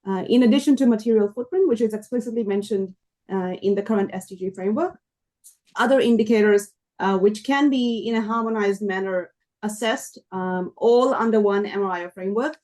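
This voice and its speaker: A woman researcher answering questions on a panel, hesitant, with a hoarse voice that is giving out. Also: medium pitch, a little fast, dark tone. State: losing her voice, hoarse.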